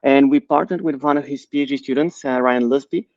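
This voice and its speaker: Middle-aged man from Bulgaria, CEO, explanatory and measured, dry slightly dull recording. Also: mid-range voice, fairly even intonation, darkish tone, no room sound. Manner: measured, explanatory, with frequent fillers. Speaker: company CEO and co-founder. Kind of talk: interview answers.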